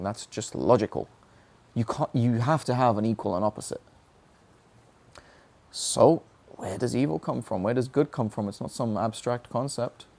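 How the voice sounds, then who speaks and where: In a mellow, gravelly mid-range voice, a young man gives a searching, earnest monologue on his own struggles. The reflective, motivational talk is peppered with questions he asks himself.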